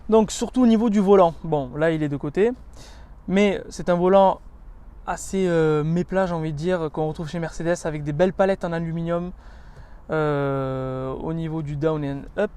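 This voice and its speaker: High-voiced man presenting a car. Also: moderate pace, warm tone, smooth. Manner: chatty and descriptive, listing features with many connecting "donc"s and "euh"s. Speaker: car reviewer. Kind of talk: casual walkaround presentation of a car.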